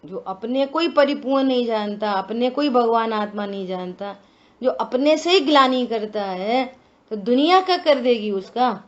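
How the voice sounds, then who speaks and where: A woman giving a religious scripture discourse, slow and deliberate, asking many rhetorical questions. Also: on the high side, lively intonation, muffled recording. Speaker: scripture teacher.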